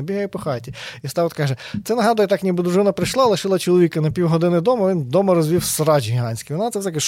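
A man as a podcast guest, a sociologist explaining ideas in an animated, conversational way and often checking in with tag questions. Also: on the high side, no room sound.

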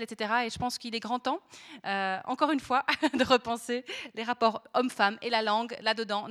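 Her voice is on the high side and a little bright as she hosts an event, giving semi-formal announcements to open a debate. Now and then she gropes for words.

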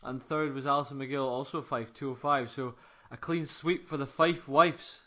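A man's voice: mid-range voice, steady tone, moderate pace, highs cut off, a loud crowd. A man presenting a sports podcast conversationally, encouraging and a little hesitant in his phrasing. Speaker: podcast host and interviewer.

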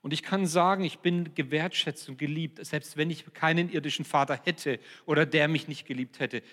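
A man preaching a sermon, swinging between loud emphatic passages and quiet, dropped-voice asides. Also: sits high. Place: church hall. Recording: reverberant church hall.

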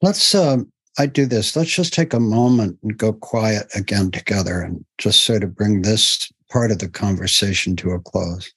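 A man hosting a contemplative interview, speaking gently and pausing often over a video call. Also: fairly low pitch, husky, no echo, rough recording. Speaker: host.

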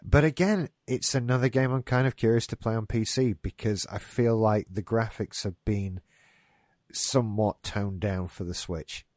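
Stuffy-nosed and rambling, the host of a casual gaming news podcast swears lightly as he chats. His lowish, darkish voice moves at normal speed in a studio-quality recording free of echo.

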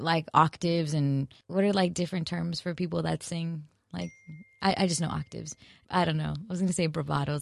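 Woman, podcast host, casual solo chat, rambling, gravelly low voice. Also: dry recording, studio quality. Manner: rambling, musing and self-correcting; relaxed and unhurried.

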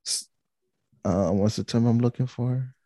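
A man's voice: medium pitch, a little slow, warm tone, dry recording. A man chatting casually on a podcast, mostly chiming in with short questions and remarks.

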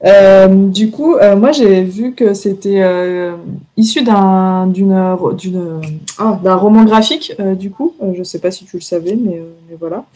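A woman's voice: medium pitch, measured pace, warm tone. A woman co-hosting a casual chat show, talking with many hesitations and fillers and laughing often. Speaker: podcast co-host presenting series picks.

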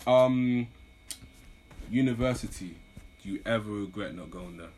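A man's voice: lowish voice, a little slow, a little mellow, a little hiss or hum, low-quality recording. A young man, hosting a podcast and teasing his guest in a jokey, laughing way. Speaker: podcast host. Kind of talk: casual chat.

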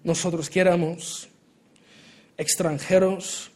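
Raised in Portugal, a young man gives a Spanish sermon, reading scripture and praying with an accent colored by Portuguese and American English. He speaks slowly in a high, level, slightly mellow voice, earnest throughout and frequently starting over.

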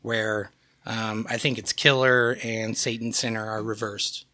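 Bright-voiced man, chatty podcast co-host. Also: on the low side, level tone, measured pace, dry recording, clean studio sound. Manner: rambling, swears, works from notes. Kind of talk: casual chat about music.

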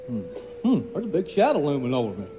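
An actor playing a befuddled small-town sheriff who muses slowly to himself in a radio comedy. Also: male voice, on the high side, wildly swooping pitch, dull audio, music in the background. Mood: bemused. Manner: slow, bemused musing.

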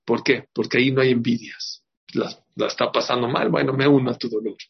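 A man gives a religious lesson as a rabbi, and he keeps asking his listeners questions. His voice is gravelly and husky at a middle pitch. The recording sounds dull and lo-fi. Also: brisk. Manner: lively, asks the audience rhetorical questions. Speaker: rabbi teaching a Torah class. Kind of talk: religious lesson with moral teaching.

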